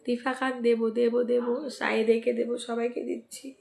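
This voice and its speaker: Female live-stream host, croaky from a cold, slightly high pitch. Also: flat delivery, fairly quick, darkish tone. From West Bengal, India. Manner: greets and thanks commenters by name, asks for mentions. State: sore throat and cold, coughing. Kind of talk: casual live-stream chat with viewers.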